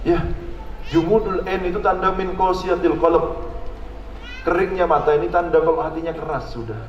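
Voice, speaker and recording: A man with a slightly high voice and a Javanese-tinged Indonesian accent delivers a religious sermon at a moderate pace, putting questions directly to the audience and asking them to agree. The echoey hall gives a dull lo-fi sound with slight background noise.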